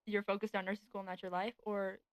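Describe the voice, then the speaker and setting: A nineteen-year-old woman co-hosting a casual chat podcast, talking loosely with lots of "like" and quick laughs. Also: medium pitch, little pitch movement, crowd noise, poor audio. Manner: chatty, laughs often, lots of "like". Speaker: podcast co-host. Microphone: desk podcast mic.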